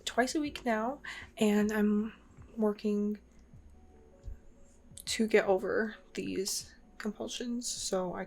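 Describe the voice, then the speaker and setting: In this casual personal vlog, a woman in her twenties speaks openly to her channel with a medium-pitched, gravelly voice. She rambles and leans heavily on filler words.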